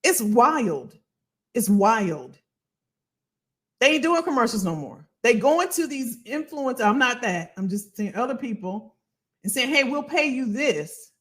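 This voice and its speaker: A woman hosting a casual livestream as a financial coach, animated and colloquial, repeating phrases for emphasis. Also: fairly high pitch, unhurried. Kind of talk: casual livestream talk to viewers.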